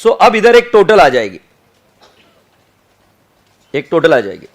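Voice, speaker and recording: An Indian man lectures on accounting in a classroom. His voice sits high and he talks slowly, letting numbers and terms draw out with a sing-song rise and fall. He coaxes his students with "beta" between figures. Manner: animated, stretches words for emphasis, sing-song teaching intonation; mixes English into Hindi, calls students "beta". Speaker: accounting teacher.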